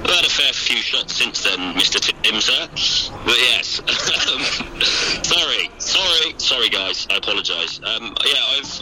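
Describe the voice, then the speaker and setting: Deep-voiced British man on a noisy call. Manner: jokey, rambling, hesitant. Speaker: podcast co-host and para-athlete. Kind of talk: casual chat. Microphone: phone call. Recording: noisy phone call recording.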